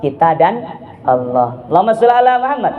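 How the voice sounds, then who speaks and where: A man preaching to a congregation, animated, dropping to a soft murmur and then rising to loud exclamations, asking and answering his own questions. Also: sits high, brisk. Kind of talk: religious talk to a congregation. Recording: narrow phone-like sound.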